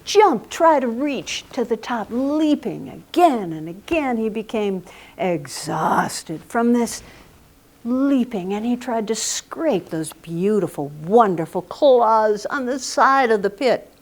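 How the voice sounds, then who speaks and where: A woman's voice: fairly high pitch, expressive, slow. A woman telling a folk tale live in a recording studio, dramatic and often dropping to a whisper. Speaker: storyteller.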